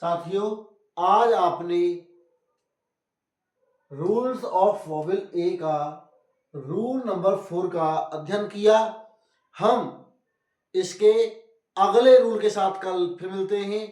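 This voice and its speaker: A man's voice: sits high, drawn-out words, long pauses, darkish tone. A man teaching phonics, spelling out letters one by one and calling his viewers friends. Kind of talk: phonics lesson. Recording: echoey room, voice from a distance.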